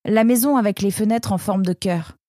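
A woman's voice: medium pitch, normal speed, warm tone, no echo, clean studio sound, voice pushed up, close to an everyday voice. A woman voicing a shy, earnest young male storybook animal who speaks hesitantly and politely. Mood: timid polite.

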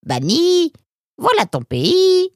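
A woman voicing a small grey parrot with a shrill, jerky voice in an audiobook. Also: wildly swooping pitch, slow, no echo, studio quality, exaggerated voice. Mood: squawking. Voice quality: shrill, staccato squawking. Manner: repeats the same cries. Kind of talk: audiobook character voice.

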